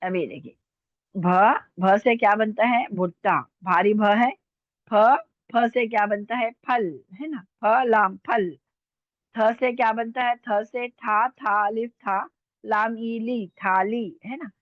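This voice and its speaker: A woman's voice: fairly high pitch, fairly even intonation, slow pace, no echo. A woman teaching an Urdu lesson online, patiently sounding out letters and checking that her students follow. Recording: tinny phone-like dry sound.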